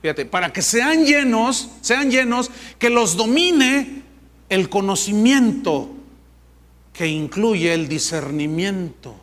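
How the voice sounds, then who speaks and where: A male pastor preaches to a congregation in a high voice. He talks emphatically and conversationally, often slipping into mockery. His delivery stays direct and pointed. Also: lively intonation, slow pace, fairly bright tone. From Mexico. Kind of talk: sermon. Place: church with a live congregation.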